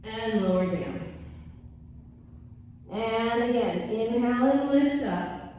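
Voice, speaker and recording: A woman's voice: fairly high pitch, lively intonation, slow, warm tone. A woman teaching Pilates as an instructor, cueing and counting movements in short commands. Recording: echoey hall, distant mic, faint noise.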